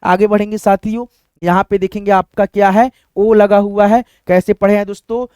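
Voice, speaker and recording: High, smooth-voiced male teacher. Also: little pitch movement, normal speed, a little mellow, dry recording, clean studio sound. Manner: asks questions and answers them himself, checking in often. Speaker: English teacher. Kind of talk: step-by-step phonics lesson.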